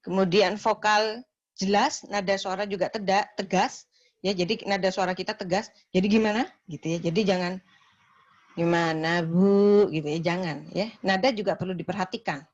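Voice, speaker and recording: A woman lecturing nursing students in a classroom, explaining calmly and acting out short nurse-patient dialogues. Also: mid-range voice, a little fast, muffled recording.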